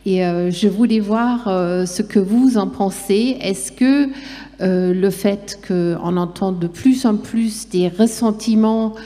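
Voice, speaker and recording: A woman moderates a live discussion in a mellow voice. She speaks slowly and hesitantly, circling toward her question. The sound carries a long hall echo. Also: medium pitch. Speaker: panel moderator. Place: large reverberant hall.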